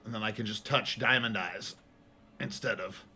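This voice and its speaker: A man sitting in as a guest on a morning radio show, talking through how a studio tool works in a talkative, animated way. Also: on the low side, moderate pace, slight background noise. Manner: explaining things in a talkative, animated way. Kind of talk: casual studio banter.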